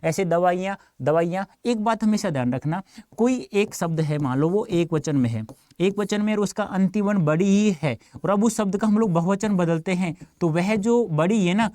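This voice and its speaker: A man's voice: sits high, normal speed, a little mellow, no echo, studio quality. A male teacher giving an online exam-prep lesson, explaining step by step and calling his students dear children. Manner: explains step by step, asks and answers his own questions.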